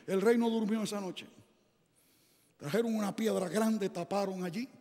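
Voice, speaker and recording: A man's voice: high-pitched, moderate pace, dark tone. A male preacher delivering a sermon, telling a story dramatically and putting rhetorical questions to his listeners. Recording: echoey hall reverb.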